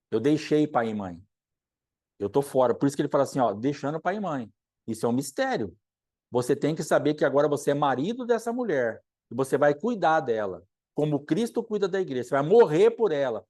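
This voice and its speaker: A middle-aged man preaches with earnest conviction, circling back over his phrases to drive a point home. His voice sits a little high for a man, and the sound is close and dry with no room around it. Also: a little mellow, dry recording. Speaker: pastor. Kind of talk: sermon teaching.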